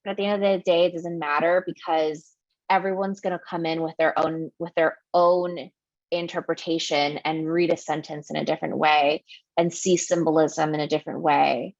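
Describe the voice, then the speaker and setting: Her voice sits low, with a flat delivery at a moderate pace and no room sound, heard through dry, muffled video-call audio. She's an Ecuadorian woman raised in Queens, New York, appearing as guest author at a virtual book event and giving reflective, meandering answers laced with fillers.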